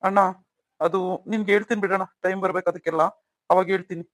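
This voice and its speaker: A man's voice: sits high, steady tone, fast, a bit bright, no room sound. A man voicing an earnest, pleading younger brother. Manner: pleading, emotional. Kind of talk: cartoon story voice acting.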